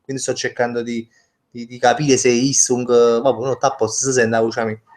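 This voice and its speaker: A man's voice: mid-range voice, flat delivery, fairly quick. A man with a Neapolitan accent hosting a casual live stream, rambling and joking as he reads out viewers' names.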